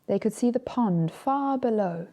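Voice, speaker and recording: A drag storytime host reading to children in a gentle, theatrical, deliberate storytelling manner. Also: mid-range voice, lively intonation.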